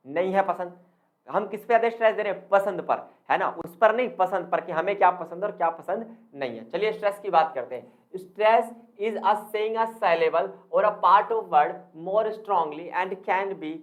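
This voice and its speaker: Addressing his viewers as friends, a high-voiced male tutor explains exam material in a lecture, repeatedly posing questions to them, supplying the answers himself and slipping in English terms.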